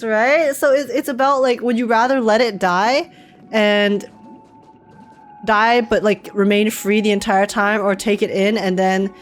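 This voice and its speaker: A woman streamer reacts live to a game with casual, slang-heavy commentary, thinking aloud in an animated way. Her voice is mid-range.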